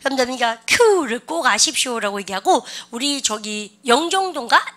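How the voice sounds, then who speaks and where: A woman's voice: sits high, lively intonation, brisk, fairly bright tone. A woman teaching English vocabulary in a lecture, asking her students rhetorical questions and having them repeat phrases after her.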